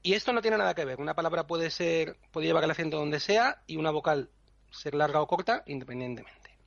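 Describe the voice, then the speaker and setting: With a fairly high, animated voice touched by vocal fry, this male guest explains language rules to his co-host a little quickly, in a patient, teacherly manner full of chuckles. It's an explanatory podcast chat, recorded lo-fi and dull with faint background music and no room sound.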